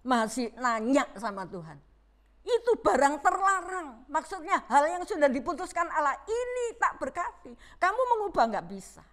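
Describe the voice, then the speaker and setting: Woman, Javanese accent, middle-aged, high voice, lively sermon storytelling. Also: normal speed. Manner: lively storytelling, acts out quotes, mixes in Javanese phrases. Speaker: preacher. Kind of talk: Sunday sermon.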